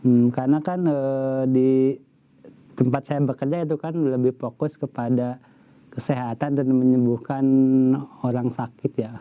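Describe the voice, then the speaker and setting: A man's voice: medium pitch, fairly even intonation, unhurried, dark tone. A man in his twenties, an office assistant, giving casual, hesitant interview answers. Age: 20s.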